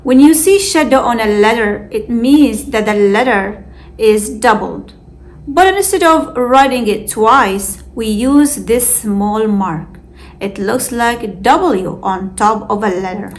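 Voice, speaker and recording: A woman teaching an Arabic lesson, explaining pronunciation in a careful, clear way. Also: fairly high pitch, slow pace. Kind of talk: scripted lesson narration.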